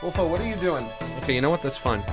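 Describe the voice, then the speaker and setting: A man's voice: fairly high pitch, animated, rapid-fire, over music. A man hosting a let's play, joking and talking to himself as he goes, easily startled by the game. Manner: jokey, easily startled, talks to himself while playing. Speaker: gaming channel host.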